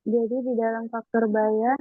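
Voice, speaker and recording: A woman student reading aloud haltingly over a video call, her audio choppy and breaking up. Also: a little high, level tone, no room sound. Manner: halting, stumbling over words. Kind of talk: reading vocabulary aloud in an online class. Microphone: video call over wifi. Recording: thin phone-like call audio.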